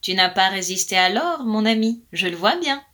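A woman's voice: medium pitch, animated, moderate pace, a bit bright, natural voice. Woman voicing a knowing storybook magpie, confiding and cautionary. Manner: confiding, warning. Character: wise, cautious female magpie.

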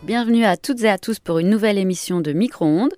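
A woman's voice: medium pitch, fairly quick, darkish tone, soft background music. A woman hosting a community radio show, explaining terms earnestly with frequent hesitations. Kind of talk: scripted radio introduction.

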